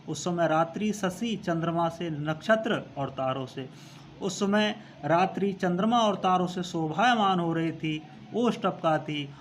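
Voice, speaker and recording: A male teacher who recites lines of a poem slowly and then explains them, repeating phrases as he goes. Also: high-pitched, slight background noise.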